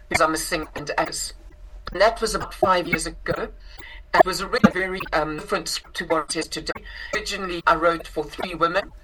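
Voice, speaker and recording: A woman singer and actress, born in Scotland and raised in South Africa, chatting as a guest with many pauses and restarts. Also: on the low side, noisy background. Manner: hesitant, many ums and restarts. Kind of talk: casual interview chat.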